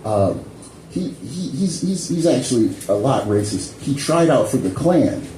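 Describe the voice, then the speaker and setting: A man voicing a young girlfriend who gives a hesitant but blunt warning, in a low, quiet tone. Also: big pitch swings, measured pace, slight background noise. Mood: matter-of-fact. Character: matter-of-fact young girlfriend warning him. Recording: echoey club mic with crowd.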